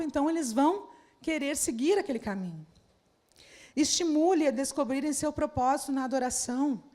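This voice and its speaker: High-voiced woman preaching. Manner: addresses the audience directly with rhetorical questions. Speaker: speaker at a church leaders' conference. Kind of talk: sermon.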